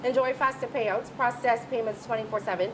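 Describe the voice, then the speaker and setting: A woman co-hosting a talk show, expressive and skeptical, also reading sponsor plugs. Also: a little fast. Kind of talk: casual talk show chat. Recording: audible background rumble.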